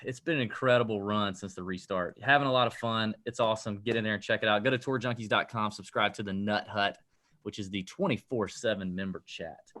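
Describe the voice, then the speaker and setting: A fairly low-pitched man co-hosting a casual golf betting podcast. He jokes, rambles through tangents and laughs often, keeping the talk loose. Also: steady tone, a little fast, pushed and bright. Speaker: podcast co-host.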